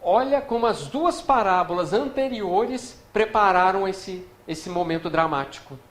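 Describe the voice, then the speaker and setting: A man's high, somewhat bright voice animates this spiritist lecture on scripture, delivered at a measured pace with a Brazilian Portuguese accent. He talks conversationally, regularly checking in with the audience, in an echoey spiritist-center hall with faint background noise.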